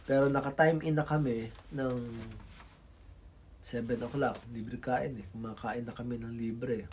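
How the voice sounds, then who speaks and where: A man's voice: mid-range voice, fairly even intonation, a little slow, a little mellow, slight background noise. A man from the Philippines giving blunt, lecturing travel advice in a casual vlog. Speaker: Filipino worker in Macau giving travel advice.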